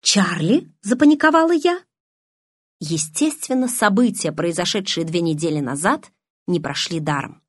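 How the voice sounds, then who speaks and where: A woman narrating a first-person audiobook in an expressive, emotional reading. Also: fairly low pitch, dry recording, studio quality.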